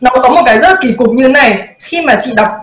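Young woman co-host, lively anecdote-teller with a slightly high voice, recorded in an echoey room. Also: fast. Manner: lively storyteller, acts out quoted voices. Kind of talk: casual chat. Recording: roomy echo.

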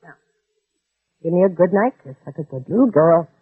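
A woman's voice: fairly low pitch, animated, moderate pace, slightly rough, no echo. An actress playing a caring but firm and anxious widowed mother in an old radio drama. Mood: firm, motherly. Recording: muffled vintage radio recording.

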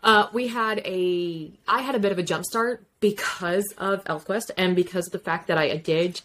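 A woman's voice: fairly low pitch, moderate pace, a bit bright. A woman co-hosting a podcast in casual chat, frank and emphatic, swearing and laughing easily. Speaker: podcast co-host.

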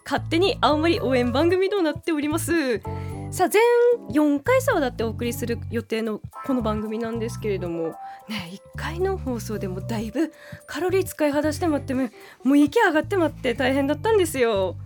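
A woman's voice: high-pitched, sing-song, over music. A woman from Aomori with a Tsugaru accent, hosting a podcast as an announcer in an upbeat, chatty way. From Aomori, Japan. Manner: bright, upbeat, quick to laugh. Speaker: announcer host.

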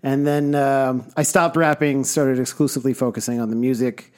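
A forty-year-old man, a music producer and guest, talking in a relaxed, plain way with frequent fillers. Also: medium pitch, moderate pace, smooth. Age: 40s. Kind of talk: casual chat.

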